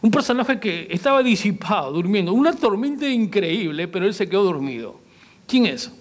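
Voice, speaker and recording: A man with a high, light voice preaches a sermon to his congregation. He keeps asking them questions. He slips into little acted voices whenever he quotes someone. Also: big pitch swings, normal speed. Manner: acts out quoted lines in varied voices. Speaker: pastor.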